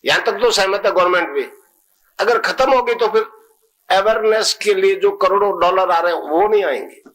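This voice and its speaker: A man's voice: high voice, normal speed, a bit bright, rough recording. A man speaking as a spiritual guru to his followers, plain-spoken and repetitive, at times leading the listeners through a chanted mantra.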